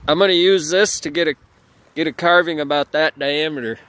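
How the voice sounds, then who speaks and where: A man's voice: a little high, steady tone, fairly quick, a bit bright. A man in his thirties, a chainsaw carver, explaining his wood in a rambling, easygoing way while filming on a handheld phone in his workshop and yard. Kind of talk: casual how-to vlog. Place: cluttered workshop and yard, partly outdoors. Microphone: handheld phone camera.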